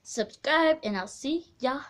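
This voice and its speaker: A woman's voice: sits high, expressive, a little slow, slight background noise. A young woman from central California, chatting casually as a vlogger in a storytime video. She rambles and keeps interrupting herself.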